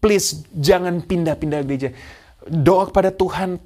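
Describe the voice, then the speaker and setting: A man's voice: high voice, normal speed. A male pastor preaching a sermon, mixing English phrases into his talk and driving points home with repetition, amens and hallelujahs. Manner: mixes English phrases into preaching, calls congregation "saudara"; energetic, emphatic repetition with amen and hallelujah.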